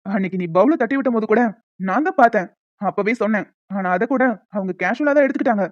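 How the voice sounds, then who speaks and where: A woman's voice: fairly high pitch, lively intonation, quick pace, no room sound, natural voice. A woman voicing a polite, earnest young man in a cartoon, who turns sharply accusing. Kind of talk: cartoon voice acting. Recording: dull, dry lo-fi recording.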